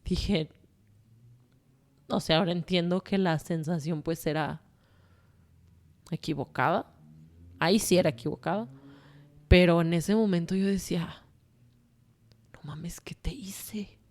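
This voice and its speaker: A woman with a Mexican Spanish accent, appearing as a guest, tells her personal story candidly and emotionally. She swears freely and rambles with plenty of fillers. Her voice is on the low side, unhurried, with frequent pauses.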